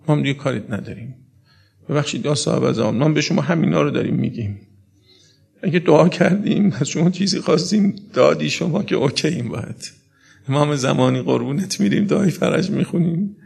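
A man preaching a mourning sermon, talking straight to his listeners and rising into high, sobbing wails. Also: vocal fry, a little mellow, husky. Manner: builds to high sobbing wails, speaks to the audience directly.

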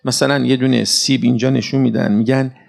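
A man's voice: medium pitch, fairly even intonation, creaky. A man preaching a religious lecture, explaining step by step with everyday examples and keeping the audience with him through frequent rhetorical questions. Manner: keeps checking with rhetorical questions.

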